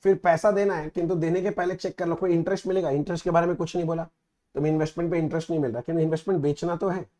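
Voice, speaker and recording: Male accounts teacher with a high-pitched voice. Casual lecture delivery, mixes Hindi and English, keeps checking in with the class. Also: steady tone, racing, dark tone. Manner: mixes Hindi and English, asks students frequent check-in questions. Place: recorded teaching video.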